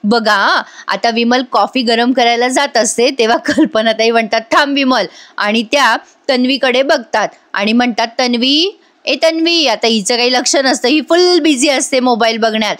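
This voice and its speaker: A woman with a fairly high voice gives a voice-over recap of a TV serial. She talks straight to her viewers in a chatty way, laughs often, and acts out the characters' lines. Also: normal speed, a bit bright. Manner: addresses viewers directly. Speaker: TV serial reviewer.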